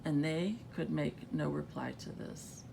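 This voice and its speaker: A woman with a groggy, just-woke-up morning voice, reading scripture aloud in an informal way. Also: measured pace. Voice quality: gravelly, creaky. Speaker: scripture reader. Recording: rumbly background noise.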